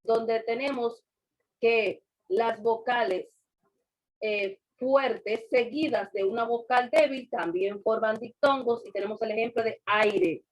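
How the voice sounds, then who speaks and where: A woman's voice: fairly high pitch, steady tone, slow. A woman teaching a class over a video call, patiently repeating examples and quizzing her students. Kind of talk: online class lecture.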